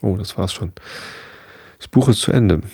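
A man with a low voice reads a classic detective novel aloud as a bedtime story. His tone is gravelly and a little rough. The sound is close and dry, with no room around it, and he trips over words and fixes them as he goes. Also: normal speed, warm tone, dry recording. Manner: reads with frequent slips and self-corrections; informal asides between passages. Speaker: podcast host reading aloud. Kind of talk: bedtime story reading for sleep.

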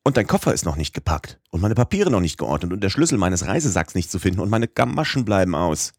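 A man voicing an impatient, excitable old professor in a storybook reading, scolding loudly and in a hurry. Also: deep voice, quick pace, dry recording, clean studio sound, pitched above the performer's own voice, exaggerated voice.

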